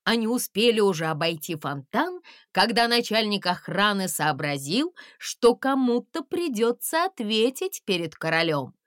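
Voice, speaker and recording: A woman reading a children's storybook aloud in an expressive, measured way. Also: medium pitch, no room sound, studio quality. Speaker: audiobook narrator. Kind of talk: scripted storybook narration.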